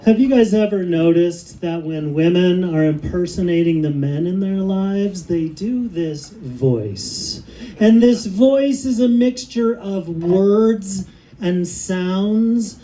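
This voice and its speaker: A middle-aged man performing a stand-up comedy set on stage, telling dry stories and pausing for laughs. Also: sits high, mellow, low-quality recording. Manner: dry storytelling with pauses for laughs. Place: comedy stage with a live audience.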